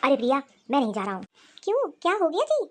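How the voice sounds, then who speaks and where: A woman's voice: high-pitched, huge pitch swings, quick pace, over loud music. Woman doing a grumbling young husband. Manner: complaining, sulky. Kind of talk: cartoon voice acting.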